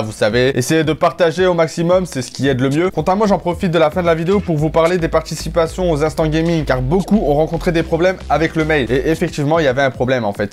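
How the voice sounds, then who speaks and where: A man's voice: a little high, a little mellow. A man hosting a gaming live stream with casual, slangy, joking commentary and some swearing. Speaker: streamer and host.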